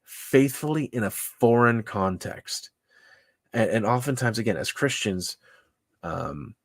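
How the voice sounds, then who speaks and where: A man's voice: lowish voice, expressive, slow pace, no echo. Chatty man teaching scripture casually. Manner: chatty and loose, laughs often, many "like" and "right?" asides. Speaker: Bible study leader. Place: church livestream.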